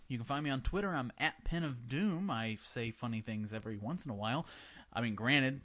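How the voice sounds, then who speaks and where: Jokey podcast host with a slight lisp. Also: male voice, medium pitch, fairly bright tone. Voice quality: small lisp. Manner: jokey, rambling, laughs at his own jokes. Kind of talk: casual podcast sign-off chat.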